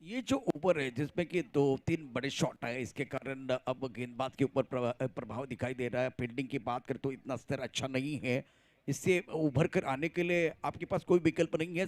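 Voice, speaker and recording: A man's voice: medium pitch, normal speed, a little mellow. A man giving cricket commentary as an analyst, talking through the play with emphatic, admiring remarks.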